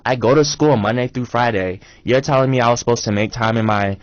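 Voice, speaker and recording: A man's voice: medium pitch, brisk, no echo, muffled recording. Exasperated young man telling a story. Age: young adult. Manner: animated, exasperated retelling. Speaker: college radio co-host. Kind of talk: casual storytelling chat.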